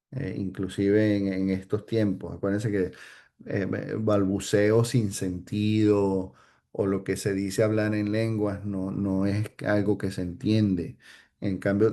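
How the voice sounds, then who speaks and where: A man's voice: lowish voice, mellow. A man teaching an informal Bible study, hesitant, with many fillers and restarts, often checking in with "ok?".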